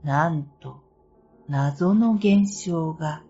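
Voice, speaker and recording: Female ghost-story narrator, mellow and slow, husky tone, lo-fi sound over soft background music. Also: low voice. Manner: acts out dialogue between friends. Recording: dull, lo-fi sound with faint music.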